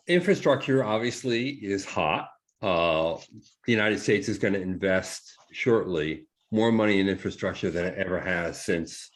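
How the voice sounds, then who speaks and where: Low-voiced man asking probing questions. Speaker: co-host admissions expert. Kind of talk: webinar interview.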